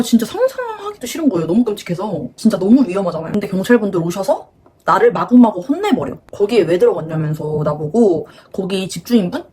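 A woman's voice: mid-range voice, mellow. A woman in her twenties chatting through a story in a casual vlog. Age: 20s. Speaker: beauty vlogger.

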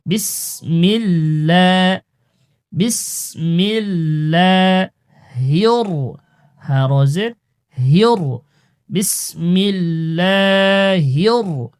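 A man teaching Quran pronunciation, chanting phrases slowly and then explaining in a quick, lower voice. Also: smooth. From Bangladesh. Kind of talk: slow drawn-out recitation drills with quick spoken instructions.

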